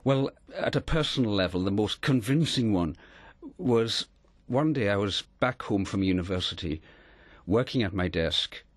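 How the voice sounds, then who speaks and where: A middle-aged man from Scotland, telling a personal story in an earnest, measured way as an interview guest. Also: low-pitched, no room sound.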